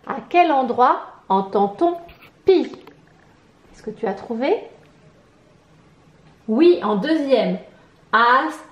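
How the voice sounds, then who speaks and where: A woman with a French accent, teaching syllables to a young child, clapping out each syllable slowly and asking questions. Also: fairly high pitch, animated, a little mellow, echoey room. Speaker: preschool teacher. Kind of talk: slow, sing-song phonics lesson for young children.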